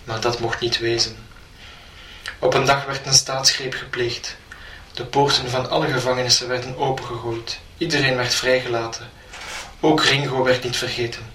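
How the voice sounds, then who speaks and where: A man reading a short story aloud in an even storytelling manner. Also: mid-range voice. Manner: flat, even storytelling delivery. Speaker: narrator. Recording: roomy, distant mic, faint noise.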